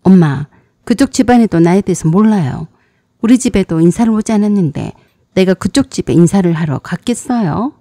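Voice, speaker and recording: A woman's voice: medium pitch, expressive, a little fast, warm tone, no room sound, studio quality. A woman voicing a proud, defensive younger sister in her forties in a storybook drama, with a sulky, insistent way of pleading.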